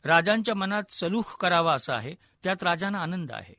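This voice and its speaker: A man voices a dignified royal envoy with a high, bright, crisp voice, formal and measured, ready to threaten. It is recorded dry and close. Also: animated, no echo, full character voice. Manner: formal, measured, then stern. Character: dignified male royal envoy, calm turning fierce.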